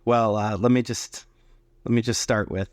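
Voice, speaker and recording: A man co-hosting a gardening podcast in casual chat, his voice a bit raspy and hoarse from a cold, talking in a rambling, easygoing way. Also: fairly low pitch, fairly even intonation, moderate pace, no room sound, clean studio sound. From Central Ohio. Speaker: podcast co-host.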